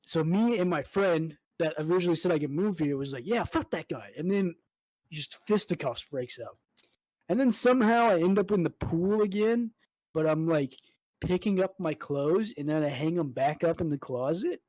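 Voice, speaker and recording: A young man in casual podcast chat, his voice sitting slightly high for a man. He rambles and swears freely, stringing his story together with "like" and "dude". The sound is close and dry, with no room around it. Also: animated, moderate pace, a little mellow, dry recording, rough recording. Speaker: podcast co-host. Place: home.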